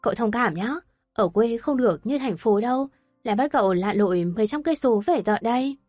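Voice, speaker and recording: A woman voicing an excitable middle-aged country mother in an audio story, talking in a hurried, fussy way. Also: fairly high pitch, no echo, clean studio sound, soft background music. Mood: welcoming.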